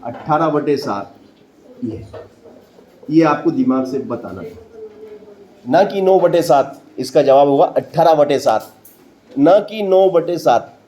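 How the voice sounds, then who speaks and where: A man's voice: on the high side, expressive, slow, pauses often, mellow, a little hiss or hum, rough recording. A man teaching a maths lesson to a classroom of students, repeating each step and quizzing them with questions. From central India.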